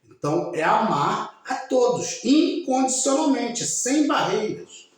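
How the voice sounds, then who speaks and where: A man giving a slow, emphatic religious talk, speaking directly to his listeners. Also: extremely high pitch, sing-song. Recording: very echoey room.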